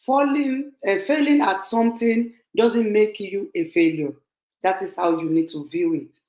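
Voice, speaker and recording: A woman's voice: medium pitch, a little slow, darkish tone. Woman host in an echoey room. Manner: earnest, repeats and rephrases points. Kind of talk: hosting an online panel, then giving a motivational talk. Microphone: video call.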